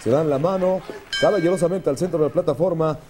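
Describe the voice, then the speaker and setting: Male Mexican lucha libre announcer, solemn descriptive play-by-play, mellow tone, slight broadcast noise. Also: a little high, fast, some chatter behind. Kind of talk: wrestling play-by-play commentary.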